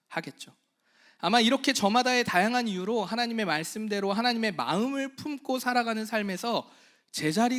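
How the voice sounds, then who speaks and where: A male pastor preaching a sermon, asking the congregation questions and answering them himself, moving between soft half-whispered phrases and loud, slow emphasis. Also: sits high. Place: church hall.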